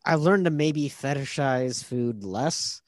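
A man with a mid-range voice who laughs easily and pokes fun at himself in a relaxed podcast chat. The sound is close and dry, with no room echo. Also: mid-range voice, slow pace. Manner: giggly, self-deprecating. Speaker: podcast co-host.

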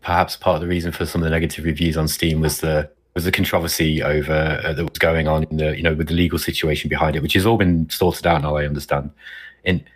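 A man's voice: extremely low pitch, flat delivery, quick pace, breathy edge. A man co-hosting a podcast, talking casually with hesitant ums and repeats. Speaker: podcast co-host. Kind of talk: casual chat.

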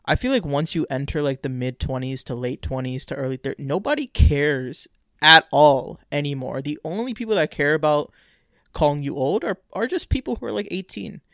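A man's voice: fairly high pitch, lively intonation, normal speed, a bit bright, no room sound, clean studio sound. A man in his twenties co-hosting a podcast, chatting casually and repeating words as he rambles. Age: 20s. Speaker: podcast co-host. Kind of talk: casual chat.

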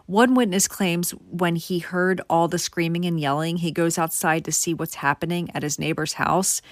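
Female true crime host, casual direct narration, low-pitched, dry booth sound. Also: fairly even intonation, moderate pace, dry recording. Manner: conversational, addresses viewers directly.

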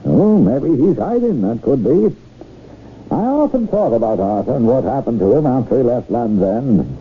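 A man's voice: medium pitch, big pitch swings, normal speed, close to an everyday voice. An actor playing a wry, suspicious elderly father, emphatic and musing, in an old-time radio mystery. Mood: wry, animated. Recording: muffled noisy old radio recording.

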